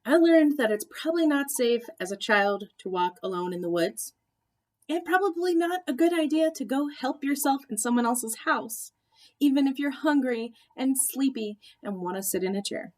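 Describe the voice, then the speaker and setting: A woman teacher reading a storybook aloud to children, expressive and gently engaging with her listeners. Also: high-pitched, moderate pace, poor audio.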